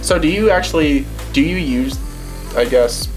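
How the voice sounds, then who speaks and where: A man's voice: fairly high pitch, normal speed, soft background music. A man in his twenties hosting a casual podcast interview, chatty and full of fillers. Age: 20s. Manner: chatty, many fillers like "like" and "yeah". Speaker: podcast host.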